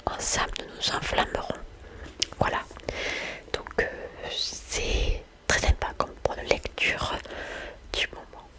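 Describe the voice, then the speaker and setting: A woman speaking in a soft library-like whisper, talking about books and reading aloud in an ASMR style. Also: slow pace, long pauses. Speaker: book haul video host. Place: indoors, in front of bookshelves.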